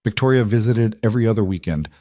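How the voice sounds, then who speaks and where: A man narrates a romance story in a measured, even manner. His voice sits on the low side. The recording is dry, with no room sound. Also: no echo. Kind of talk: scripted narration.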